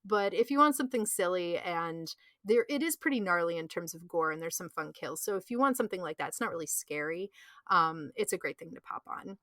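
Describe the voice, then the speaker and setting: Woman, podcast co-host, casual chat, enthusiastic, mid-pitch, dry close mic. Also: expressive, fairly quick, fairly bright tone, no room sound. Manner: enthusiastic, chatty, filler-heavy.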